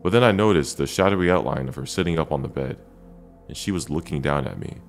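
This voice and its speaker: Casting: male horror storyteller, extremely low gravelly voice, dramatic and deliberate, over faint music. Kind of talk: first-person scary story narration.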